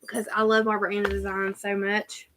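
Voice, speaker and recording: A woman's voice: medium pitch, completely flat delivery, brisk, fairly bright tone, a little hiss or hum. A woman with a Southern US accent, chatting casually on a live stream and reading out viewer comments as she goes. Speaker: cross-stitch channel host.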